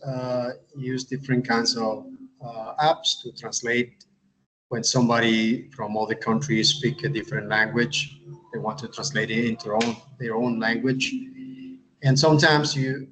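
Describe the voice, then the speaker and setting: Halting male English teacher. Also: medium pitch, fairly bright tone, poor audio. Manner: halting, repeats words, frequent uh. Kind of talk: instructional tutorial.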